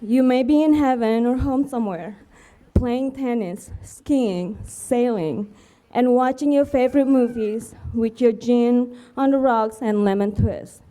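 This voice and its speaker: A woman's voice: on the high side, unhurried, mellow. A woman speaking as a widow at a memorial, heartfelt, earnest and tender, addressing a room full of mourners. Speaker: widow giving a eulogy. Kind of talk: memorial speech.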